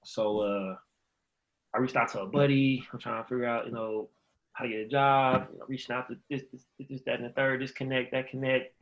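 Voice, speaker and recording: A man's voice: mid-range voice, lo-fi sound. A man in his thirties from the Chicago area, a podcast guest telling a rambling story and acting out remembered conversations. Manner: rambling, acts out remembered dialogue. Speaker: podcast guest, former pro basketball player. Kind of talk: casual storytelling interview.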